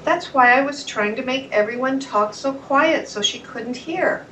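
A woman's voice: high voice, unhurried, sharp tone, distant mic, slight background noise, rough recording. A woman voicing an earnest young boy frog in a children's storybook, sounding a little pleading.

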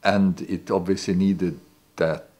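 A flat, slow, darkish low voice comes from a man in his sixties whose native language isn't English. Reflecting on the past in his living room, seated and miked off-camera, he falters and restarts repeatedly.

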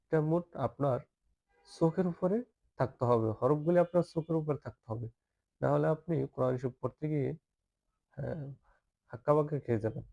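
A man teaching the Arabic alphabet in a slow, patient lesson, repeating each letter several times and asking listeners to say it along. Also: on the high side, vocal fry, warm tone, highs cut off.

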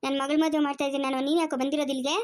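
Cartoon villain father, bullying and rough-spoken, voiced by a woman, fast high delivery. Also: level tone, lightly acted. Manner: rough, scolding, taunting. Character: scheming greedy father, middle-aged man, bullying. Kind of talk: cartoon voice acting.

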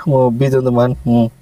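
A man casually vlogging to his viewers about his pet monkey, talking gently and coaxing it with soft chuckles. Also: fairly high pitch, dry recording, recorded from a distance, highs cut off. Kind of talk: casual vlog narration to viewers.

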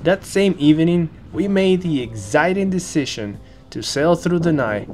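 A man's voice: a little high, expressive, moderate pace, darkish tone. A young man narrating his sailing trip for a travel vlog in an easygoing, upbeat way. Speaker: travel vlogger. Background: background music.

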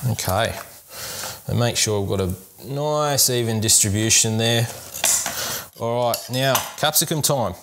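A man's voice: medium pitch, unhurried, pauses often. A young man hosting a cooking lesson in a home kitchen, chatting casually and upbeat to viewers while he chops vegetables. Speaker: cooking show host, sports dietitian. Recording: kitchen clatter and chopping noise. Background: knife chopping on board, dishes clinking.

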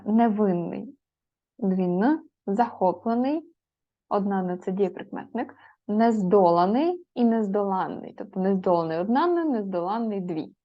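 Patient woman teaching a spelling lesson. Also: medium pitch. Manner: explaining patiently, with many fillers and spelled-out letters. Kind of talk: spoken grammar lesson. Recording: slightly dull lo-fi audio.

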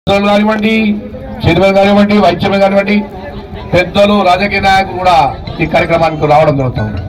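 A man with a Telangana Telugu accent gives informal live commentary on an amateur match at a local cricket ground, talking directly to the players. His voice sits high and quick, with faint music behind and a distant outdoor sound from the mic.

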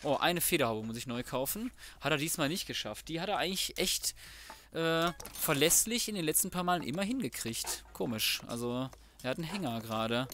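Talking a little fast in an animated, somewhat high and bright voice, a male let's play host offers colloquial commentary and mumbles to himself as he tackles the game's tasks. Mouse clicks and background noise come through clearly.

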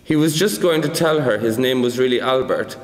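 A man reading a children's story aloud as narrator, careful and measured. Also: mid-range voice. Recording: echoey room with long reverb.

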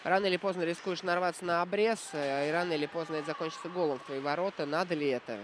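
A man commentating live on ice hockey, reflective and analytical, often pausing mid-sentence to find his words. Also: fairly high pitch, background noise.

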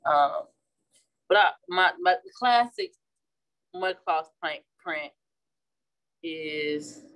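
With a low-pitched voice and drawn-out words, this St. Louis woman in her thirties talks in a relaxed, chatty manner as she paints at a flower shop table, frequently restarting her sentences. She is a florist who teaches classes and has a Midwestern accent. The audio quality is poor.

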